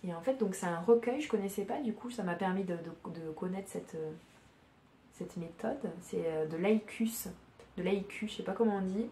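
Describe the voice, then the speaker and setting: A woman hosting a podcast from home, chatting casually and haltingly, with many fillers and restarts. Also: medium pitch, echoey room, a little hiss or hum. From France. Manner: hesitant, many fillers and restarts, soft-spoken. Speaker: podcast host. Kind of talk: casual chat.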